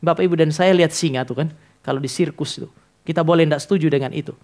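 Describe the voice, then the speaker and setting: A male pastor delivers a sermon to his congregation in a church, addressing them directly. His voice sits high for a man. He tells stories and acts out the dialogue in them. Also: fast, darkish tone.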